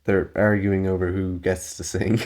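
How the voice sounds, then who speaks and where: A man co-hosting a podcast in casual chat, laughing often and slipping into silly falsetto voices when quoting. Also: flat delivery, measured pace, darkish tone. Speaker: podcast co-host.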